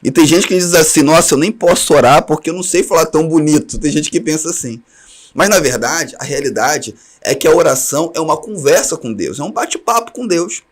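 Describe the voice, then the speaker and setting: Brisk higher-voiced Brazilian man teaching. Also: expressive. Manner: earnest advice, speaks straight to listeners. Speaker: teacher trainer. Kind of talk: online class talk.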